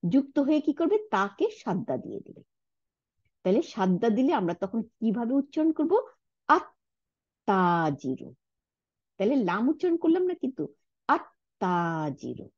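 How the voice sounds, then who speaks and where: A woman giving a recorded Arabic lesson, explaining step by step and often checking understanding with a quick "right?". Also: on the high side, big pitch swings, dark tone, no echo, dull audio. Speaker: Arabic teacher.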